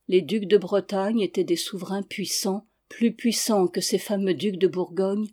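A narrator reading a historical novel aloud in an even, measured way. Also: medium pitch. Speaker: audiobook narrator.

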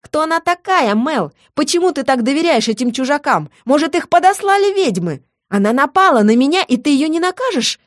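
A woman voicing a jealous, hysterical young woman who whines and accuses in a shrill voice. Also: expressive, brisk, few pauses, dry recording, clean studio sound, close to an everyday voice.

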